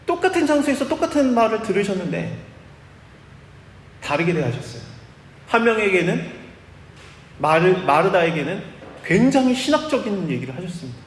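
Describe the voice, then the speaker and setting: Animated preacher man in an echoey hall. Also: high voice, moderate pace, long pauses, slight background noise. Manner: animated, acts out quoted dialogue. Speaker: pastor. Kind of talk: expository sermon. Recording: echoey hall, live church recording.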